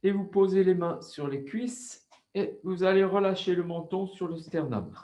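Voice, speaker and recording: A man with a French accent guiding a yoga class over a video call, giving slow, calm breathing cues. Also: sits high, lo-fi sound. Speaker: yoga teacher.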